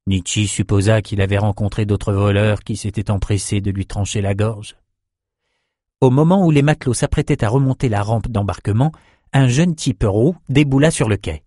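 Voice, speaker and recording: A man narrating a fantasy novel as an audiobook in a steady, even storytelling manner. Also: fairly low pitch, moderate pace, dry recording, clean studio sound. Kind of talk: scripted narration.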